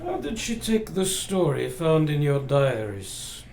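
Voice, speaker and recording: An actor playing an old foreign professor and vampire hunter in a radio play, speaking with grave, formal, halting earnestness. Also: male voice, on the high side, big pitch swings, gravelly, darkish tone, heavily acted. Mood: encouraging. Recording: roomy, faint background noise.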